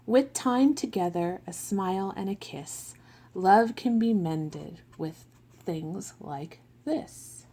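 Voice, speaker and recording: A large, patient parent figure from a bedtime picture book, reassuring a little one, as a woman reads the part aloud. The delivery is slow and gentle, in a tender storytime manner. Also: medium pitch, husky.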